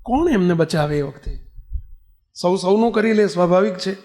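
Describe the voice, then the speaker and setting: Man, high-pitched, storytelling sermon, animated, speaks to the congregation. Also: normal speed. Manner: animated storyteller, acts out cries and prayers, addresses listeners directly. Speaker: spiritual leader giving a discourse.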